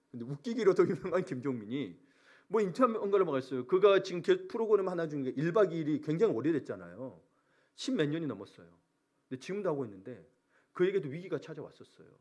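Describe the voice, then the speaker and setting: A male pastor preaching a sermon in an animated way, acting out prayers and mocking voices as he goes. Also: fairly high pitch.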